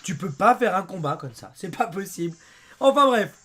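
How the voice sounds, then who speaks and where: A young French man with a hoarse voice, chatting excitedly as he plays a game and talks to his viewers. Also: high voice, normal speed. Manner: chatty and excitable, often says "mes amis" and "abusé". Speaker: let's play host. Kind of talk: casual gameplay commentary.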